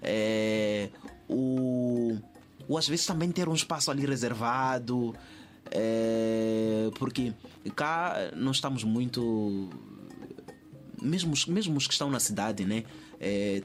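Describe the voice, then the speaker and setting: A man from Mozambique, speaking with a Mozambican accent and a medium-pitched voice, answers conversationally as an interview guest. He often repeats phrases as he thinks aloud.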